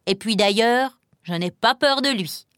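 Woman doing eager little boy in a kids story, high voice, loud. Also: a little slow, clear, resonant tone, no echo, studio quality. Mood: cheeky. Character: bold young boy, eager and brave.

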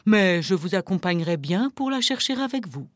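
A woman voicing a big male wolf in a storybook, gruff but kindly, speaking slowly. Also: medium pitch, big pitch swings, close to an everyday voice. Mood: sad. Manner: slow, drawn-out.

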